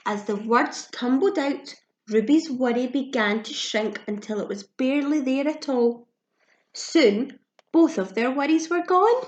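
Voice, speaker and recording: Her voice sits high and unhurried, with the highs cut off, as she reads a storybook aloud to children in a teacherly way. Expect simple, expressive narration, audible gasps, and questions and asides, with echo from the room.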